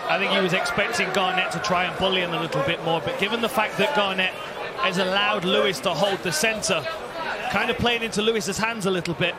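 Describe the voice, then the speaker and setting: A man's voice: sits high, steady tone, brisk. A man giving conversational, analytical colour commentary on a live MMA fight. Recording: very noisy arena, roaring crowd.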